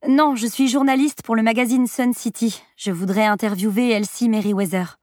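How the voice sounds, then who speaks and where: A woman's voice: a little high, fairly even intonation, moderate pace, darkish tone, no room sound, studio quality, lightly acted. A woman voicing a nervous but determined journalist, polite and slightly raised, in a storybook reading.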